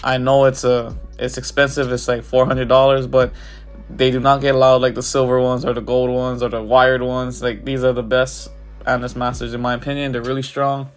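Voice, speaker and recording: Stuffy and congested from a cold, a barber talks casually through his haircut tutorial in a flat, medium-pitched voice at a moderate pace. The walkthrough is loose and filler-heavy, with faint music behind him.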